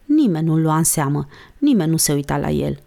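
A woman narrating a classic novel as an audiobook, calm and measured. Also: deep voice, vocal fry. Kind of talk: scripted narration.

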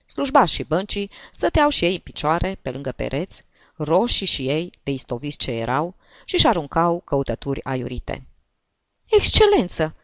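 A woman reads a story aloud with a lively, low voice. The recording is dull and lo-fi, and it sounds close and dry. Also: no echo. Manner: expressive. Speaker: narrator. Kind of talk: story reading.

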